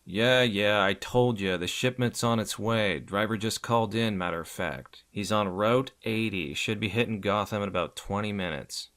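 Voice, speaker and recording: A man's voice: fairly low pitch, moderate pace, hardly any pauses, a bit bright, natural voice. A man voicing an impatient male shipping clerk on the phone in an audiobook. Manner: curt, impatient. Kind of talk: audiobook character voice.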